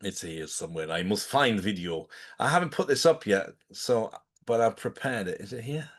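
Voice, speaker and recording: A man's voice: lowish voice, animated, moderate pace. A man hosting a livestream, chatting casually and rambling as he thinks aloud. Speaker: livestream host.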